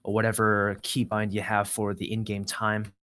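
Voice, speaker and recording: A man co-casting a live strategy game, brisk and matter-of-fact. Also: lowish voice, monotone, a bit bright. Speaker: esports co-caster.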